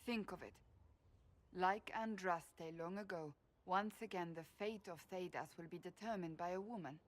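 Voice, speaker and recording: An actress voices a stern, devout female warrior in video game dialogue. She sounds proud and earnest, with a natural voice, and she speaks in a low, firm, measured way.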